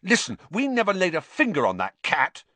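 Man playing a hot-tempered, sarcastic schoolboy, animated. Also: mid-range voice, moderate pace, no echo, voice pushed up. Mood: defiant. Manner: blunt, defiant, sarcastic. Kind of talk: audiobook character acting.

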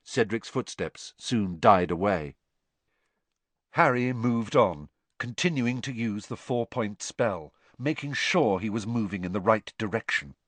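A man's voice: on the low side, animated, measured pace, fairly bright tone, no echo. A man reading a story aloud as narrator, with dramatic, tense storytelling. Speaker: audiobook narrator. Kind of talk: scripted narration.

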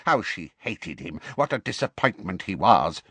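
A man's voice: low voice, big pitch swings, normal speed, a bit bright, slightly rough, no room sound, exaggerated voice. A man voicing a bitter old male house-elf servant who mutters spitefully and fawns over his master. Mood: muttering spite. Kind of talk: audiobook character voice.

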